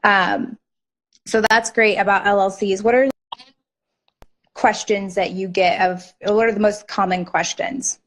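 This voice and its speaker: Hoarse woman host on a live stream, chatty, nods along, recaps the guest's answers and reads questions. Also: medium pitch, steady tone, measured pace. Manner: chatty, affirming, summarizes the guest. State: hoarse from a lost voice. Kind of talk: live interview, asking questions. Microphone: online video stream.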